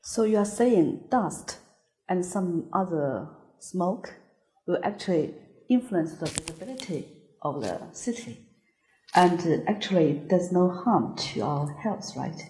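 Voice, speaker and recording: In a room with noticeable echo, a woman guides a scripted student discussion, posing measured questions to the group. Her expressive voice is slightly low and mellow, with a bit of hiss or hum in the recording.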